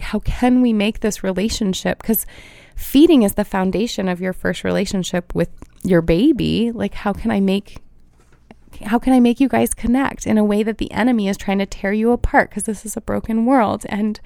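A woman's voice: medium pitch, gravelly, darkish tone, dry recording, studio quality. A woman in her thirties, a pediatric feeding therapist, talking in an earnest, heartfelt way with frequent fillers in a conversational interview.

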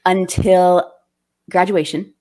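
Woman educator on a podcast, kinda low voice, thoughtful, stops and restarts a lot. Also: fairly even intonation, a little mellow. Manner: reflective, thoughtful, halting restarts. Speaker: guest, academic director and educator. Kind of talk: storytelling in a podcast interview.

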